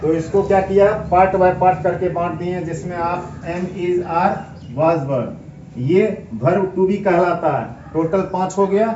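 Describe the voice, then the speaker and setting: Slow-speaking teacher in an echoey room. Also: male voice, high voice, a little mellow, slight background noise. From India. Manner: asks questions then answers them, spells words letter by letter. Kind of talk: classroom grammar lesson. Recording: echoey room, picked up from a distance, slightly dull.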